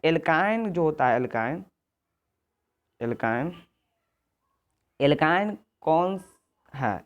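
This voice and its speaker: Exam-prep tutor, repetitive, self-correcting, mid pitch. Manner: checks in with "ठीक है" and "आगे देखिए". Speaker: teacher. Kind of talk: exam answer walkthrough lesson.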